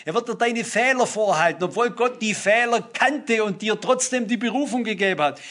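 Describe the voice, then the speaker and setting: A man's voice: sits high, normal speed, a bit bright. A man preaching a sermon, reading Bible verses aloud and explaining them earnestly and emphatically.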